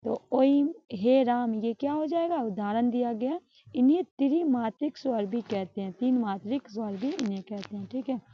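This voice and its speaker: A woman with a fairly high voice teaches an exam-prep grammar lesson at a moderate pace, with no echo. She explains things step by step, poses questions and answers them herself, and ends her points with a checking "all right?". The sound is dull and lo-fi.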